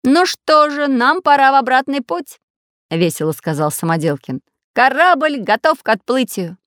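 A woman voicing a brave little male iron man in a storybook, firm and steady. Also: medium pitch, normal speed, no echo, clean studio sound, pitched above the performer's own voice, lightly acted. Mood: cheerful. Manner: firm, stern when scolding.

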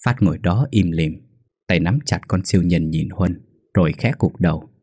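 A man narrating a sad story in a somber, measured manner. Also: low voice, darkish tone, slightly rough, no echo, clean studio sound.

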